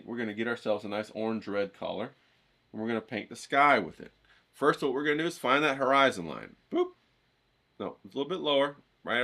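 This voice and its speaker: A man's voice: medium pitch, bright, forceful tone. A man teaching a watercolor painting tutorial in an upbeat, coaxing way, checking in with his viewers.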